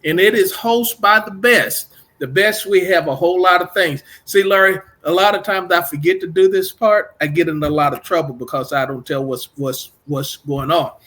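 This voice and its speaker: A middle-aged Texan podcast and radio host conducts a casual radio interview, rambling and repeating himself in an upbeat way. His voice sits high, with a fairly bright tone and a moderate pace.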